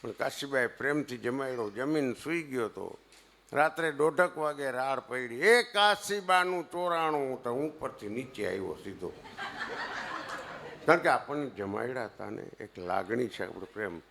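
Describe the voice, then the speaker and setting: A man's voice: mid-range voice, normal speed, gravelly, slight background noise. Kathiawadi man telling jokes on stage. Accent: Kathiawadi Gujarati. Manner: swings between loud punchlines and hushed asides. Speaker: stage comedian. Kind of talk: live comic storytelling to an audience. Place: stage before a seated audience.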